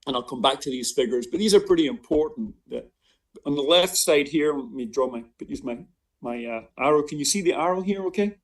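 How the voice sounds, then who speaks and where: An older Scottish man, a visiting professor, gives an informal academic lecture at a remote online seminar in a fairly high, expressive voice. He speaks haltingly, often breaking off and repeating words, and the mic sounds distant.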